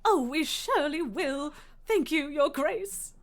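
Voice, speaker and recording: A woman's voice: sits high, animated, takes it slowly, faint music behind, voice pushed up, heavily acted. A woman voicing a humble villager in a game, addressing a monarch with formal deference.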